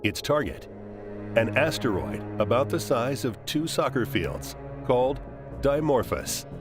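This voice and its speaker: A man's voice: mid-range voice, expressive, a little slow. A man narrating a scripted documentary in a dramatic, portentous way. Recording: music under the voice. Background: dramatic music.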